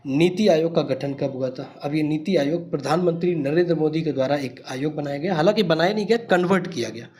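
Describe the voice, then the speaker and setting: A man with a fairly high, slightly mellow voice talks quite quickly. He explains quiz questions to exam students, addressing them familiarly, speaking with emphasis and repeating the key points.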